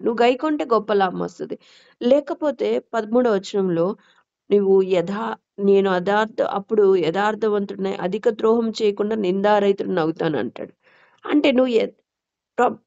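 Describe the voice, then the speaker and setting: A woman leading a prayer group, giving an earnest testimony and emphatic Bible teaching with a gravelly voice. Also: medium pitch, a little mellow, no room sound. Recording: dull lo-fi recording.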